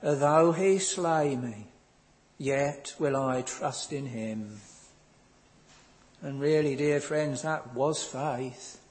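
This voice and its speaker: A man preaching a sermon in a slow, earnest manner, pausing often and filling the gaps with ums. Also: mid-range voice, a little mellow, in a large hall.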